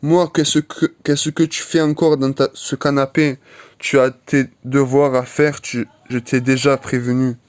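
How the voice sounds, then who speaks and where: A man reading a comic aloud, voicing a stern parent who scolds a lazy kid, with some halting restarts. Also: mid-range voice, level tone, natural voice. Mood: scolding.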